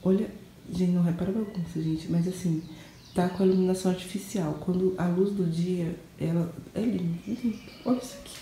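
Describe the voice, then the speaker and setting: Home vlogger, Brazilian woman, low-pitched and dark, murmuring with excitement; echoey room, faint hiss. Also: brisk. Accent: Brazilian Portuguese. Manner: hushed, gushing, repeats words for emphasis. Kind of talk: casual home vlog. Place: home kitchen early morning.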